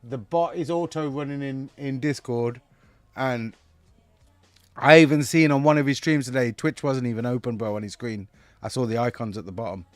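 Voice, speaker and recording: A man's voice: mid-range voice, fairly even intonation, moderate pace, dry recording. A man chatting on a livestream, laughing often and using slang. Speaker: stream regular. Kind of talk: casual livestream banter. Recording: music clearly behind.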